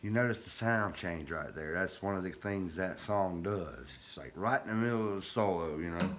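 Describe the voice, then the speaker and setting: Deep-voiced, toothless older man. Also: expressive, moderate pace. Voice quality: toothless, soft-edged diction. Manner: self-deprecating, folksy. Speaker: guitar vlogger. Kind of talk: casual rambling vlog chat. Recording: clear background noise, room ambience.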